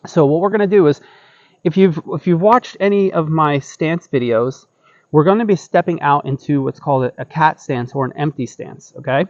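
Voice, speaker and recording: A man's voice: a little high, moderate pace, no echo, dull audio. A middle-aged man giving casual step-by-step tai chi instruction, explaining and often checking in as he goes. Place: outdoor wooden deck by trees.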